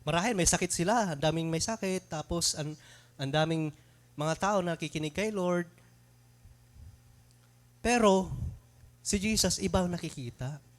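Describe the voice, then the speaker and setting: A man's voice: high voice, moderate pace, pauses often. A young man preaching a sermon in a conversational way, asking rhetorical questions, slipping English phrases in, and sometimes stumbling and restarting words. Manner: mixes English phrases into his talk.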